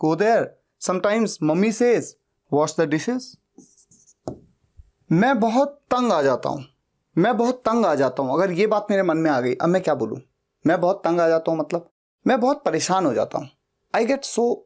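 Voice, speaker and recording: A young native Hindi speaker teaches spoken English, giving explanations in Hindi and pronouncing every English sentence slowly and with care. His voice is high-pitched, expressive, and darkish in tone.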